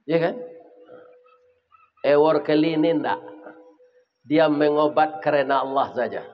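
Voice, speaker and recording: A male preacher with a Minangkabau accent delivers a humorous sermon, telling a story in a lively way and often turning to the congregation with questions. His voice sits a little high, and the lo-fi recording sounds slightly dull. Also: a little slow.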